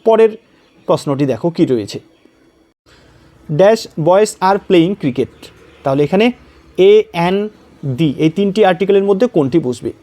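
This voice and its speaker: A man teaching an exam-prep lesson, explaining patiently step by step, asking questions and reading example sentences slowly. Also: high-pitched, lively intonation, warm tone.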